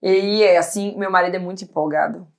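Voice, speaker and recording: A woman in her thirties, a pediatrician guest on an interview show, talking loudly and animatedly in casual chat. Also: on the low side. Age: 30s. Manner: loud, animated, talks fast and laughs easily.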